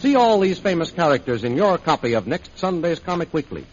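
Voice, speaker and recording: A man's voice: on the high side, very animated, a little fast, slight background noise. A man announcing a 1930s-style radio serial in a dramatic, emphatic scripted delivery. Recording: muffled old radio recording with music.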